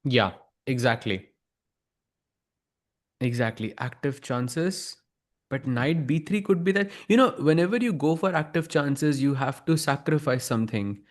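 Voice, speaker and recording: A man with an Indian accent analyses a chess game in a mid-pitched voice. He talks casually, explaining ideas and thinking aloud through the possible moves. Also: a little slow.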